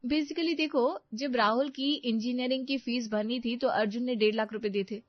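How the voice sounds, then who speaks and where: A woman voicing a calculating young wife who weighs everything in money and speaks in a brisk, lecturing way. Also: on the high side, steady tone, dry recording, natural voice. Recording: dry, dull lo-fi sound.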